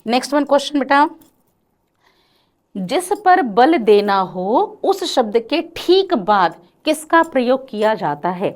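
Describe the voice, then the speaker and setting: Female teacher, high-pitched, exam-prep grammar lecture; checks in with students often, stretches example sentences. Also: very animated. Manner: addresses students as "beta", asks "clear ho gaya?" often; sings or drawls example lines slowly.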